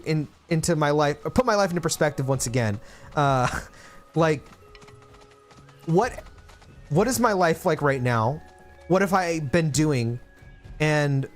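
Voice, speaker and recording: A man in his late twenties talking casually to his livestream chat, reflective and rambling with many fillers and restarts. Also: on the high side. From Philippines. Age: 20s. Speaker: streamer.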